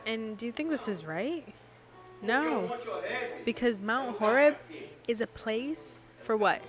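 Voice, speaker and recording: A woman's voice: a little high, animated, slow, loud music behind the voice. A woman giving an interpreted sermon in a preaching cadence, often putting questions to the congregation.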